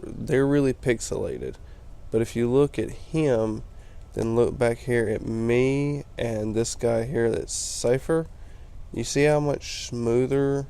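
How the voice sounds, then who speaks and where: A man's voice: medium pitch, vocal fry, dark tone, clean tone. A tired man rambling through casual gameplay commentary, explaining things as he plays late at night. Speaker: let's play commentator.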